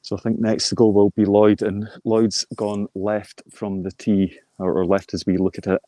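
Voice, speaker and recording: Low-voiced man commentating on golf. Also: little pitch movement, normal speed, warm tone, no room sound. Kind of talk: live golf commentary, informal and explanatory.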